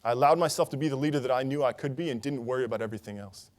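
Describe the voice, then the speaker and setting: Fast-talking young man giving a talk. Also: mid-range voice. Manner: earnest personal storytelling. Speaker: conference speaker. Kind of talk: conference talk. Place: conference stage.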